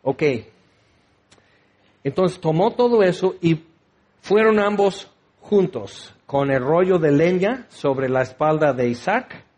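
A man's voice: a little high, animated, slow, a little mellow. A man preaching a sermon, teaching with rhetorical questions and acting out the voices he quotes.

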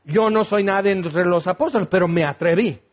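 A man preaching a sermon, lively and acting out the voices of the people he quotes. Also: sits high, fairly quick, lo-fi sound. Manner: animated, acts out quoted voices.

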